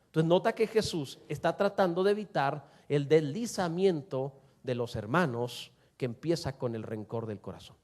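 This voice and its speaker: A man preaching a sermon to a congregation, asking them rhetorical questions and swinging between loud and soft. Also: fairly high pitch, expressive, moderate pace. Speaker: pastor.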